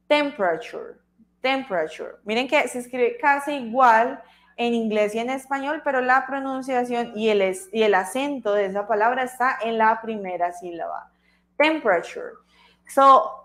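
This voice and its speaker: A woman teaching an English class online, her voice sitting a little high for a woman. She speaks slowly and deliberately, repeating each word so her students can catch the pronunciation. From Colombia. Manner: slow, careful, repeats words for pronunciation. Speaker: English tutor.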